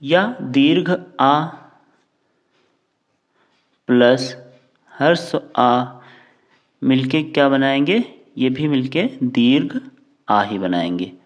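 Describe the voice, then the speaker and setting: Slow, methodical male teacher. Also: medium pitch, dull audio. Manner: asks a question, then answers it himself; slow, drawn-out words when spelling out examples. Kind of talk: grammar lesson with questions to the class.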